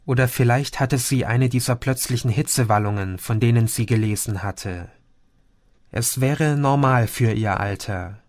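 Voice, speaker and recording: A man reading a novel aloud as an audiobook narrator, in a calm and measured storytelling manner. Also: mid-range voice. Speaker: audiobook reader. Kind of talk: scripted narration.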